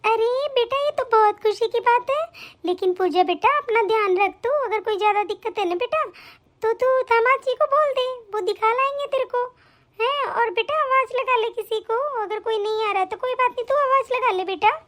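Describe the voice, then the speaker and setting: A woman voicing a caring, worried middle-aged mother in an animated family drama, gentle and reassuring. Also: very high voice, moderate pace. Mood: soothing. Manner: soothing and reassuring. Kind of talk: animated story voice acting.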